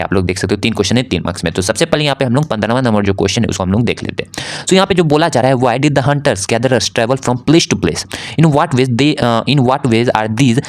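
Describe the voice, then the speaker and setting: A man teaching, walking students through exam answers and reading the written answers slowly before explaining them quickly. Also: mid-range voice. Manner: fills with repeated "okay".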